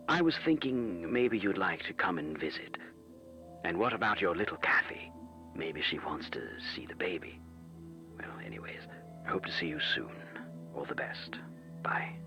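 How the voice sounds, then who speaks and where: An actor playing an older, friendly family friend with a slight British accent, leaving a message on a landline answering machine. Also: male voice, sits low. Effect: answering machine message over a landline phone.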